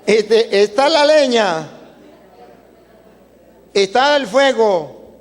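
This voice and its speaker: A man's voice: sits high, big pitch swings, takes it slowly, big-room sound, exaggerated voice. A man voicing a trusting young boy asking his father questions. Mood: curious. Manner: questioning, drawn out.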